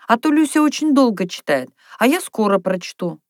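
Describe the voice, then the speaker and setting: A woman reading aloud, voicing a shy, quiet, bookish young girl who speaks timidly. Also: fairly high pitch, sing-song, moderate pace, dry recording, clean studio sound, voice pushed up. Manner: timid, soft-spoken.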